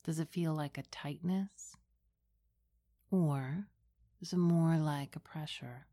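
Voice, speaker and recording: Slow, low-voiced woman guiding meditation. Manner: soothing, unhurried, gentle delivery. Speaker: meditation guide and hypnotherapist. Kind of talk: guided meditation.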